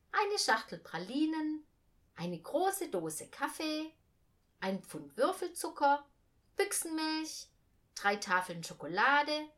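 A woman reading a children's story aloud, warmly expressive and lively, with a fairly high voice. Her melody rises and falls in big arcs as she carries the narration along.

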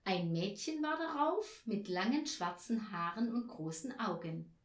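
A woman reading a children's story aloud as narrator, with slow, lively storytelling intonation. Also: mid-range voice. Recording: roomy echo.

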